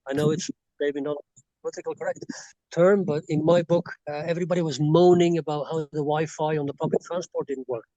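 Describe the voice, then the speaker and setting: This expat guest, a Belgian man with a faintly Irish-tinged accent, talks casually in an interview on a rural Bolivian property, rambling and often restarting or using fillers. His voice is fairly high, warm, steady and fairly quick. The lo-fi sound has no echo.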